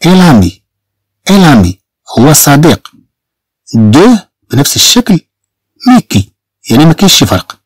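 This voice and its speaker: A man with a Moroccan Arabic accent teaching a beginner language lesson, slowly repeating each word several times to drill pronunciation. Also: mid-range voice, darkish tone, no room sound. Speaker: French teacher.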